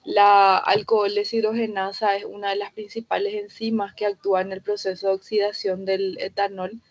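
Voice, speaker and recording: A woman delivers a medical lecture in a steady, methodical way, working through terms one after another. Her voice sits at an ordinary middle pitch. The recording is dull and slightly lo-fi. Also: normal speed.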